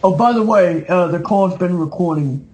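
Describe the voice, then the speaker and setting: A man chatting casually on a group call, animated and halting, with drawn-out phrases. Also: high-pitched, low-quality recording.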